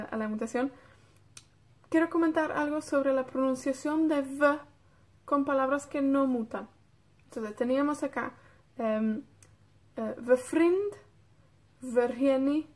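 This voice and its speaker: A woman from Wales with a North Welsh accent, teaching a beginner Welsh lesson in Spanish, patiently checking in with her students and drilling words. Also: high voice.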